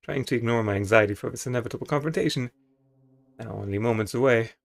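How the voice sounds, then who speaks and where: Speaking fast in a medium-pitched, gravelly voice, this man streams a video game and dramatically voices its on-screen text. He trips over the wording now and then and adds offhand remarks along the way.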